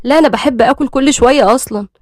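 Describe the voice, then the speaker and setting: A woman with an Egyptian accent voicing a shy, nervous young bride who speaks softly and politely. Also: sits high, rapid-fire, no echo, clean studio sound. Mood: playful. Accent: Egyptian Arabic. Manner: soft, hesitant, polite.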